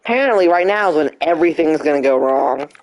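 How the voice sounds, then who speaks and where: A man's voice: on the high side, lively intonation, fast talker, dull audio. Young man chatting through a game stream. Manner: chatty, talks back to the game in mock frustration. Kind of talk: casual live gameplay commentary.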